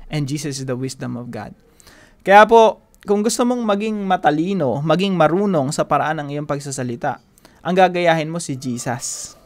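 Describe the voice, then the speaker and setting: A man leads a devotional teaching, his voice sitting a bit higher than most men's. He speaks with emphasis and comes back to the same key phrases again and again. He draws out his English lines slowly and deliberately. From Philippines. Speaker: devotion leader.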